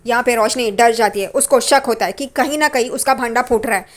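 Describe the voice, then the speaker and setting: A woman's voice: fairly high pitch, a little fast. A woman casually retelling a TV serial episode in a chatty way, adding teasing side comments about the characters. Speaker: TV serial recap narrator. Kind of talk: casual episode recap narration.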